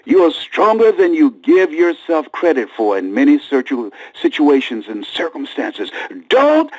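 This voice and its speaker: A man giving an emphatic, preacher-like motivational speech, repeating key lines and swinging from low murmurs to high cries. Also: lively intonation, normal speed, low-quality recording. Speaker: motivational speaker. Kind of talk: motivational speech to a live audience.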